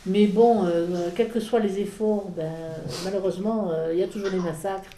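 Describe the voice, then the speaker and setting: A woman explaining medieval history in a casual talk, halting with many fillers and restarts. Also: medium pitch, fairly even intonation, warm tone, echoey room, low-quality recording. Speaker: speaker on a church history talk. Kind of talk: informal history lecture in conversation.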